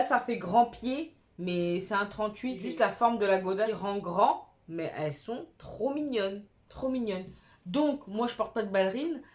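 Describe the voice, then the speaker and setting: A woman's voice: mid-range voice, darkish tone. A young woman chatting casually and enthusiastically while showing off clothes she bought secondhand, dropping slang as she goes. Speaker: fashion vlogger. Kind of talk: casual clothing haul chat.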